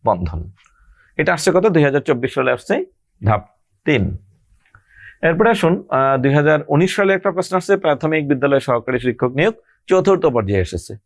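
A man teaching an exam-prep grammar lesson, explaining step by step, addressing students directly and repeating key terms slowly. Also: fairly high pitch, big pitch swings, no room sound.

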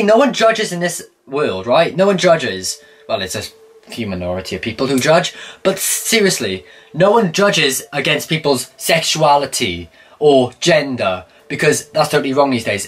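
Sitting by a blue wall in a small room, this young commentary YouTuber mocks and snarks his way through a reaction video. His voice runs somewhat high and a little bright, and the camera films him from a distance.

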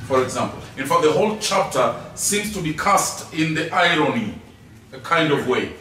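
In a classroom Bible lesson, a male teacher speaks at a moderate pace with a fairly high, bright, forceful voice and lively intonation. He hammers key words through repetition and poses rhetorical questions, captured by a distant mic in a very echoey hall with faint noise.

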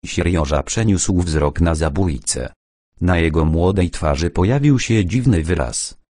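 A man narrating an audiobook in a calm, even storytelling manner. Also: low voice, husky, no room sound, clean studio sound.

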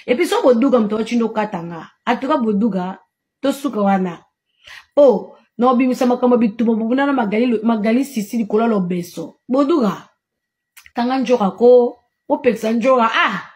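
A woman's voice: a little high, normal speed, a little mellow. A woman, delivering an angry, accusatory live-stream rant and mixing in French. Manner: accusatory, emphatic, mixes French in. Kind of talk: angry ranting monologue.

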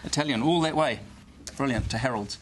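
A man's voice: medium pitch, a little fast, a little hiss or hum. A man with a New Zealand accent, a fabric retailer, giving a casual, enthusiastic sales presentation.

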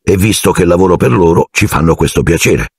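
A man's voice: low-pitched, expressive, brisk, creaky, darkish tone, husky, dry recording, clean studio sound, full character voice. A man voicing a harried middle-aged wizard father who talks in a grave, weary tone. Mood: matter-of-fact.

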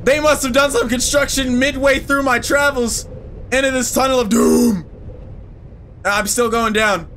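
A man's voice: extremely high pitch, fairly even intonation, unhurried, a bit bright, a little hiss or hum. A young man giving playful horror game commentary as a scared streamer, nervous and mock-cheerful with exaggerated reactions. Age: young adult. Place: small indoor streaming room.

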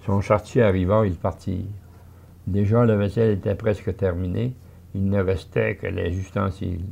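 A man's voice: sits low, steady tone, normal speed, creaky, dark tone, dull audio. An older man with a Québécois accent reading a story aloud, with folksy chatty asides. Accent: Québécois French.

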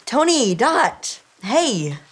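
A man's voice: extremely high pitch, sing-song, very slow, fairly bright tone, breathy edge. A teenage boy speaking scripted kids' show dialogue in an earnest, plain way in an indoor studio set. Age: teens. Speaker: child actor playing a kid character.

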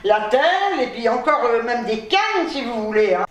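Tired, chatty woman vlogger, high-pitched, exasperated asides, recorded in a booming room. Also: very animated, moderate pace, distant mic. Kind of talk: casual storytelling to camera. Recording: very echoey room, off-mic.

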